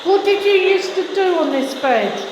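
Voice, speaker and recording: A woman's voice: extremely high pitch, animated, normal speed. A woman investigator on a ghost hunt, calling out short questions to spirits and repeating them as she waits for answers. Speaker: paranormal investigator. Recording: very echoey room, loud hissing noise. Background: loud static-like spirit box noise.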